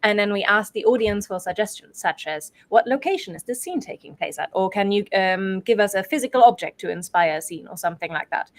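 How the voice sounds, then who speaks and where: A European woman appears as a guest in an interview, an improv theatre performer and organiser who explains things conversationally, thoughtfully and with qualifications. Her mid-range voice has lively intonation, and she talks a little fast with few pauses.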